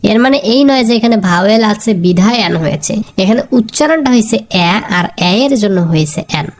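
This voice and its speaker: A woman's voice: a little high, lively intonation, a little fast, a little mellow, a little hiss or hum. A woman teaching a grammar lesson, who repeats the key sounds and keeps asking her students questions.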